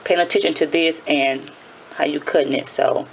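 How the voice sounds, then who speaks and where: A woman with a raspy early-morning voice gives a casual hands-on tutorial, chatty, often repeating and correcting herself. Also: deep voice, steady tone, normal speed, a little hiss or hum, rough recording. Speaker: nail tutorial host.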